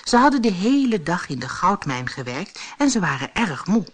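A woman narrating a fairy tale in a lively, expressive storytelling manner. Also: on the low side, normal speed, slightly rough.

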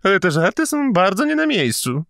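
A man reading an audiobook, voicing an excitable young male idealist who lectures in a shrill, fervent, touchy way. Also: a little fast, no echo, studio quality, exaggerated voice. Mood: preachy. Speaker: audiobook reader.

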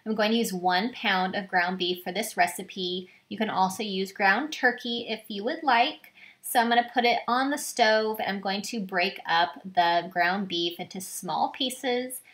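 Filmed from a distant camera in her echoey home kitchen with a faint hum, a young cooking vlogger gives an upbeat, straightforward step-by-step recipe demo. She speaks in a mid-range, fairly bright voice, a little slowly.

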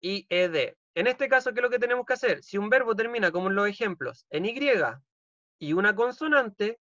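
A man's voice: high voice, expressive, a little fast, bright, forceful tone, no room sound, lo-fi sound. A male English teacher with a Chilean accent, giving an online class and repeating each rule in Spanish with frequent "ok?" checks. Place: home. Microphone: computer mic on a video call.

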